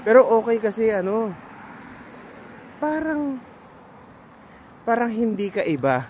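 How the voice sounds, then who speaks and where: A man from the Philippines, a registered nurse and vlogger, chatting casually to his viewers and often pausing to search for words. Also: high-pitched, sing-song, a little mellow, slight background noise. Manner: rambling, searches for words aloud.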